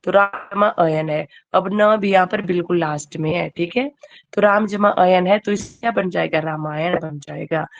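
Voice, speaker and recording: A woman with a somewhat low voice teaching a grammar lesson online. She puts question after question to her students and waits for their answers. She paces the class with steady checks of "okay" and "right". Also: normal speed, creaky, highs cut off.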